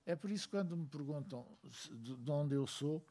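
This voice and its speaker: Reflective man with a mellow voice. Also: a little high, expressive. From Angola. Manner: reflective, measured, many hesitations. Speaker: speaker at a book launch. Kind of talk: speech to a seated audience.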